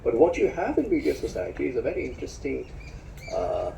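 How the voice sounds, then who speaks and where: A middle-aged man speaking at a book discussion, reflective and searching for words, with dry self-deprecating humor and sharp rises in pitch for emphasis. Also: huge pitch swings, brisk, gravelly, slight background noise. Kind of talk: spoken lecture at a book discussion. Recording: roomy hall sound from a distant mic.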